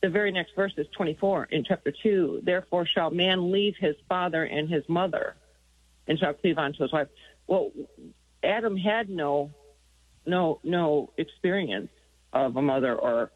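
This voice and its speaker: A woman's voice: fairly low pitch, normal speed, no room sound. A woman from Arkansas calling in to a radio show over a phone line, asking her question hesitantly and thinking aloud with many fillers. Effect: caller heard over a phone line on a radio show. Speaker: caller. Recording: dull lo-fi phone line, dry.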